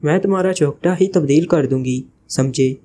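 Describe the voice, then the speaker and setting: A man's voice: fairly high pitch, moderate pace, dark tone, a little hiss or hum, natural voice. A man reading the part of an irritated young woman who scolds her teammate. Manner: exasperated, scolding. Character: irritated young woman, sharp team member.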